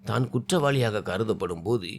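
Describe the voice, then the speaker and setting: Emotive male storyteller with lively pitch. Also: moderate pace, creaky, a little hiss or hum. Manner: emotive, dramatic, swinging between hushed and loud. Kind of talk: dramatic first-person story narration.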